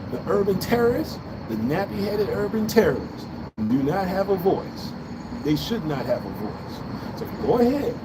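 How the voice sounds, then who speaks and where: An American man ranting casually to a livestream, blunt and profane, repeating phrases for emphasis. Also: a little high. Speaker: livestream host. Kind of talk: casual livestream political rant. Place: outdoors on an urban balcony. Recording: loud outdoor city traffic noise. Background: street ambience and vehicles.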